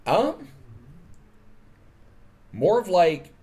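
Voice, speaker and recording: A man guesting on a podcast, talking in a measured way and hesitating with fillers now and then. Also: high-pitched, big pitch swings, mellow. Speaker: podcast guest, haunt actor. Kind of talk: casual podcast chat.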